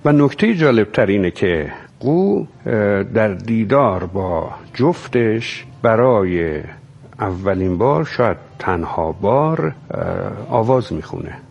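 Low, husky man explaining thoughtfully. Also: sing-song, a little mellow, muffled recording. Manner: thoughtful, measured explaining with hesitations. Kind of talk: reflective talk.

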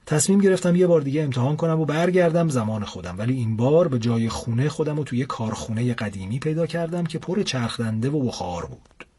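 A young man narrating a comic first-person adventure in a casual, lively storytelling manner. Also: medium pitch, breathy edge. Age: young adult.

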